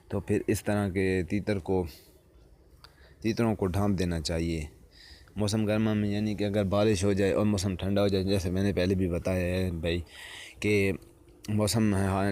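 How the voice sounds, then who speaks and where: A man's voice: low voice, darkish tone. A man giving spoken instructional advice on keeping partridges, often repeating and rephrasing his points and calling viewers friends.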